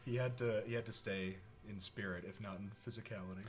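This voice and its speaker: A man's voice: fairly low pitch, steady tone, fast talker, fairly bright tone. A man co-hosting a live stream, easygoing and laughing often in casual chat. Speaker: stream co-host.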